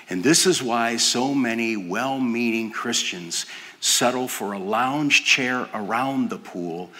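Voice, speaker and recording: An older man preaching with a bright, forward tone, earnest and dropping to a hush to stress a point. His voice rings out with a long reverb in a large hall. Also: lowish voice, slightly rough. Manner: earnest, drops to a soft hush for emphasis. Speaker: pastor. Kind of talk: sermon.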